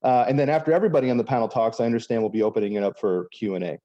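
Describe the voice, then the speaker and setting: A man from Miami, an attorney, giving a quick, explanatory conference presentation with many filler words. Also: mid-range voice, warm tone, lo-fi sound. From Miami, Florida. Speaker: attorney, panel speaker.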